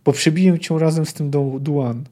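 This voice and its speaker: A man's voice: a little high, fairly even intonation, normal speed, warm tone, lightly acted. A man reading as a cold, drawling elf warrior. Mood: menacing. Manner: drawling, sinister.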